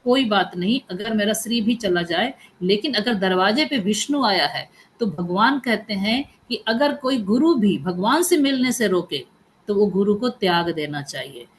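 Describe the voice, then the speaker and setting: A woman's voice: medium pitch, animated, normal speed, a little hiss or hum, natural voice. A woman voicing a generous, devoted king in a told legend, speaking respectfully and eager to serve.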